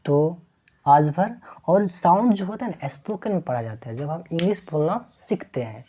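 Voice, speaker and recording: A woman's voice: on the low side, lively intonation, moderate pace, warm tone, slightly rough. A woman teaching an English lesson, explaining letter sounds and asking her students questions, then repeating each answer.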